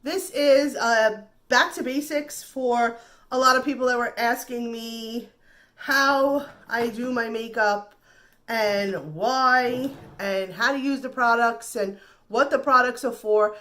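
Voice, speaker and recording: A beauty vlogger who is recovering from the flu talks through a makeup tutorial in a chatty, reassuring way, repeating words. Her slightly nasal voice is a little high and a bit bright, and she speaks slowly.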